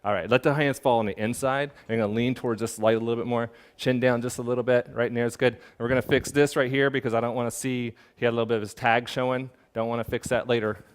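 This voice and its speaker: Man, portrait photographer, quick casual studio talk, mid-pitched, lots of fillers. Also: little pitch movement, clean tone. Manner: casual, directs the model, many fillers. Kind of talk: hands-on studio demonstration.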